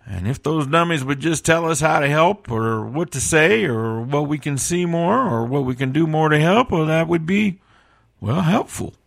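A man voicing a gruff, blunt male elf flight tracker who talks in plain, rough grammar, as a guest on a comedic podcast. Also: fairly high pitch, expressive, moderate pace, a bit bright, heavily acted. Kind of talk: comedic audio podcast acting.

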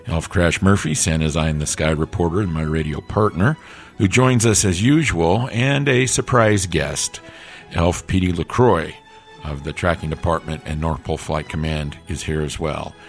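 A man's voice: low voice, normal speed, soft background music. A man voicing a male elf radio news host who speaks with a formal newscaster delivery. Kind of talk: comedic audio podcast hosting.

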